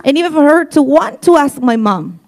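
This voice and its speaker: A woman interpreting a sermon live into English, halting and restarting as she follows the preacher. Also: high-pitched, lively intonation.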